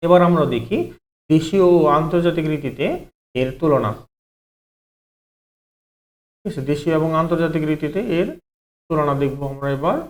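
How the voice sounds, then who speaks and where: A man's voice: a little high, normal speed, long pauses. A man, teaching an online math lesson step by step, asking questions and then answering them himself. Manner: explains step by step, asks and answers his own questions, repeats "ঠিক আছে".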